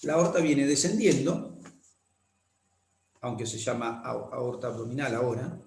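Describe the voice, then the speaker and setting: A man lecturing on anatomy, explaining slowly, repeating key terms and often checking that students follow. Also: medium pitch, creaky, a little mellow, a little hiss or hum. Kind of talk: classroom lecture with drawing demonstrations. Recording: echoey room.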